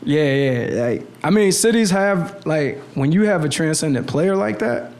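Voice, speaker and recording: Animated young man, slightly high voice. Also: unhurried. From Navy brat, born in the Philippines, lived in Miami. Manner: animated storyteller with frequent restarts and slang. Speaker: podcast guest, clothing designer. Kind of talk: casual podcast conversation. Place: small studio room with a table. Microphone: boom mic on arm at the table.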